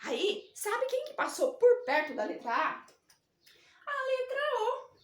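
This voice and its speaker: A woman teacher, telling a story to young children in an animated, sing-song reading lesson. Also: very high voice, takes it slowly. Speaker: primary school teacher. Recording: echoey room, distant mic.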